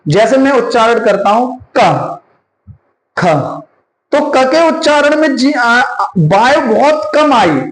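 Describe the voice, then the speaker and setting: Man, teacher, high voice, classroom lesson, quizzes himself aloud, repeats terms slowly, roomy echo. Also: animated, slight background noise. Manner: asks questions and answers them himself. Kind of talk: exam-prep classroom lesson.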